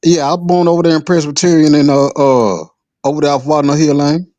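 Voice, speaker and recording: A man's voice: on the high side, steady tone, a little fast, dark tone, no echo, highs cut off. A man in his forties from Texas, calling into a live talk show, playful and stammering as he chats. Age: 40s. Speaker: caller. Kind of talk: casual chat.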